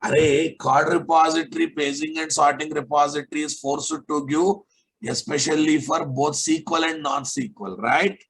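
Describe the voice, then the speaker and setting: A man teaching a live online software class, sternly repeating phrases and checking that students follow. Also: fairly high pitch, fairly even intonation, moderate pace, breathy edge, poor audio. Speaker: programming instructor.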